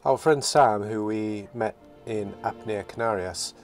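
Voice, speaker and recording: A man narrating his sailing vlog in a relaxed, reflective voice-over, often restarting his phrases. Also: fairly low pitch, measured pace. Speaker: sailing vlogger. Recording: voice-over with loud music behind.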